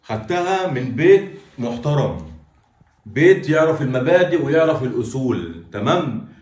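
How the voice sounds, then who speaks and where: A man's voice: medium pitch, very animated, moderate pace, a little mellow, echoey room, natural voice. A man with an Egyptian accent playing a stern older brother who lectures his sister's husband, insisting and repeating himself. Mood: lecturing. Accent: Egyptian Arabic. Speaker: actor in a skit. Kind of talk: sketch acting.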